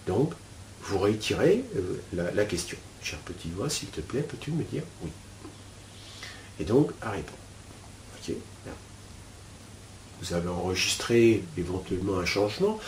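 With a mid-range, darkish voice and a bit of background noise, this spiritual teacher talks someone through an inner exercise. His delivery wanders and hesitates, thick with fillers and restarts, and the echoey space has faint ambience.

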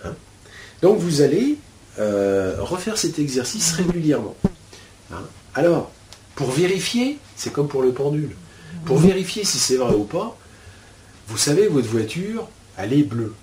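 A man's voice: fairly high pitch, big pitch swings, a little slow, darkish tone, slight background noise. A man talking a listener through a guided inner exercise, rambling and hesitant, full of fillers and restarts. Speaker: spiritual teacher. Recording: echoey room with faint ambience.

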